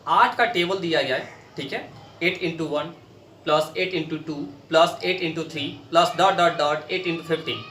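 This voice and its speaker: A man's voice: on the high side, bright, forceful tone. A man teaching a maths lesson, asking questions and answering them himself as he works problems on a board. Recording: echoey room, mic far off, faint noise.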